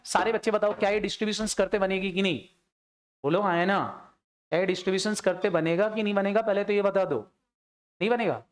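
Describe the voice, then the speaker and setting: A man teaching an accounts class, firing quick questions and pushing students to answer aloud. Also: high-pitched. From India. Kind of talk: classroom lecture.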